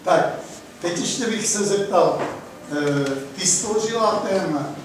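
A man hosting a book launch, chatting in a rambling way with lots of fillers and laughs. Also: sits high. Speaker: event host. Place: book launch event hall. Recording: echoey hall, distant mic, noisy.

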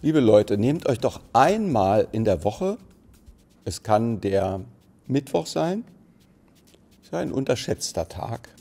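Slow, mellow-voiced middle-aged German man. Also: mid-range voice, very animated, gravelly, soft background music. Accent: Berlin German. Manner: thoughtful, searching for words with many fillers and restarts. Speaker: actor interviewed for a museum anniversary. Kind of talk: reflective interview answers to camera. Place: plain bright indoor studio. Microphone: seated, framed mid-shot to camera.

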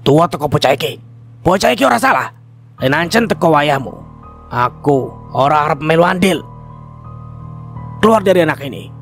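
A man's voice: on the high side, faint music behind, natural voice. A man voicing a grave old village shaman. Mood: stern. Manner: slow, grave, ominous.

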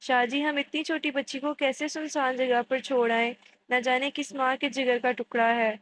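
A gentle, timid mother who speaks softly and hesitantly , voiced by a woman reading aloud. Her voice sits high. A faint hiss lies beneath the recording. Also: level tone, natural voice, rough recording. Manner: soft and hesitant.

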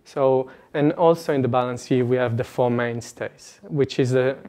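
Man, late 20s, earnest and animated, speaking to a live audience, lapel mic, indoor room. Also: mid-range voice, normal speed. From Israel. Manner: earnest, animated, gestures broadly, laughs between points. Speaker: retreat speaker. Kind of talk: personal talk to a live audience. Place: indoor meeting room before a curtain.

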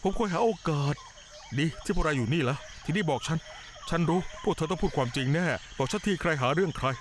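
A man's voice: fairly high pitch, expressive, quick pace, a little hiss or hum, close to an everyday voice. A man dubbing a touchy, argumentative man who demands thanks and bristles when blamed, in a Thai dub of a TV drama. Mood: indignant. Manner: indignant, quarrelsome. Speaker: dubbing actor.

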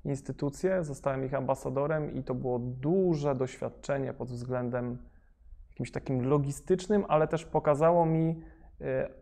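A young man speaks in a gravelly, dark voice, hesitating often with fillers and restarts. He picks up energy when excited, then trails off into softer asides. Casual interview talk from a young rapper. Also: mid-range voice, normal speed. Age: young adult.

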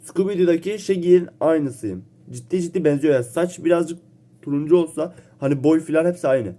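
A man's voice: on the high side, dark tone. A young man chatting casually to his viewers in a joking, self-teasing way, slightly ill so his voice sounds a bit off. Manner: joking, playful, quick reactions and self-teasing. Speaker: vlogger. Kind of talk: casual chat to camera.

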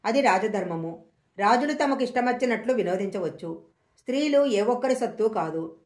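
A woman reading the lines of an arrogant, lustful male king in a storybook tale, voiced in her own fairly high voice, recorded in an echoey room. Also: expressive, moderate pace, darkish tone, lightly acted. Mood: mocking. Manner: boastful and mocking, read plainly.

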